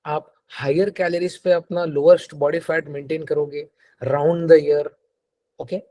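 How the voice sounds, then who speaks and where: A man's voice: fairly high pitch, a little mellow. A middle-aged male fitness coach giving a live masterclass to an audience, mixing Hindi and English and acting out his clients' excuses.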